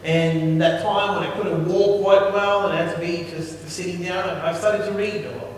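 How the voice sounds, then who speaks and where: A man with a high voice interprets a sermon phrase by phrase, his tone steady and his pace a little slow. He often restarts and repeats words while translating, and the recording is noisy, echoey, and made from a distance in a hall.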